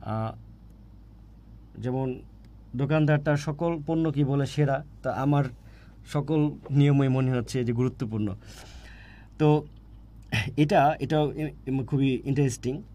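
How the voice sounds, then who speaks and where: A man's voice: medium pitch, takes it slowly, long pauses, dark tone. A man teaching a grammar lesson for exam preparation, repeating points and often checking with "right?". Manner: repetitive, asks students "right?" often.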